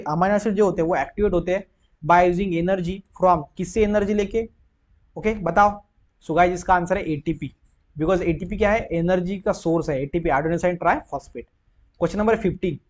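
Indian male tutor with a high voice, quizzes the class and answers himself, mixed Hindi-English. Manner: mixes Hindi and English, quizzes listeners with quick questions then answers. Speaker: biology teacher. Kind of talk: exam question walkthrough.

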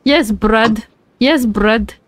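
A woman's voice: a little high, drawn-out words, dry recording. A young woman with a Chinese accent, a streamer chatting casually and playfully while she plays, giggling and repeating words in bursts. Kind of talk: casual gaming chat.

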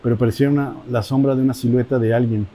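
Male Mexican vlog host, mellow tone, hushed and wary narration, big derelict space. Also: mid-range voice, fairly even intonation, very fast. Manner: hushed, cautious commentary while walking. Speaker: host, explorer. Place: large abandoned building.

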